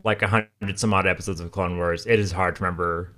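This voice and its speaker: A man co-hosting a podcast in casual chat, often halting and repeating words as he recaps. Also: sits low, steady tone, sharp tone. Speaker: podcast co-host.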